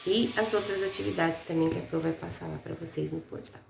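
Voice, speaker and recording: A woman's voice: low voice, steady tone, fairly quick, gravelly, over music. A middle-aged woman with a Brazilian Portuguese accent teaching an online school lesson, patient and explaining step by step. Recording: echoey room with faint noise.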